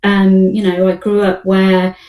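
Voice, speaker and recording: A woman's voice: medium pitch, completely flat delivery, a little slow, dark tone. Woman in her forties, distant and echoey. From United Kingdom. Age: 40s. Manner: conversational, leans on "you know". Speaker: panelist. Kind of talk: casual online panel talk.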